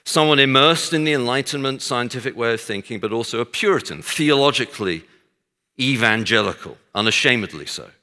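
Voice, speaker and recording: Speaking as a guest speaker to an audience, this middle-aged Texan man has a mid-range, bright, forceful voice and talks animatedly and a little fast. He uses dry, self-deprecating humor and hesitates often. A long hall reverb colors the recording.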